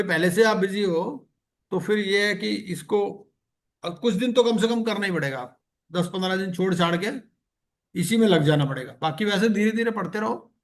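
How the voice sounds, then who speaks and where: A man teaching an exam-prep lecture, reading legal text slowly and explaining it. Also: sits high.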